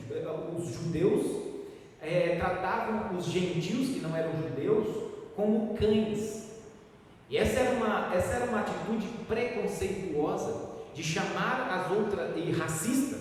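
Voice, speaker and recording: A preacher delivers an earnest sermon in a slightly high voice. He rises emphatically on key phrases and sometimes halts and restarts. He sounds far from the mic, in a long, echoing hall. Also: measured pace, darkish tone, a little hiss or hum.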